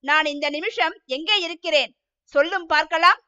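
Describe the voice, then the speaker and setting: A woman's voice: sits high, moderate pace, sharp tone, lo-fi sound. A woman voicing a fierce young male outlaw who threatens his captive harshly, in a storybook reading. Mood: menacing.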